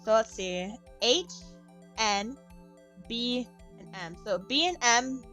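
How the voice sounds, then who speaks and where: A woman's voice: a little high, animated, slow pace, sharp tone, faint music behind. Woman streamer reading game dialogue. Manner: voices each character with small shifts.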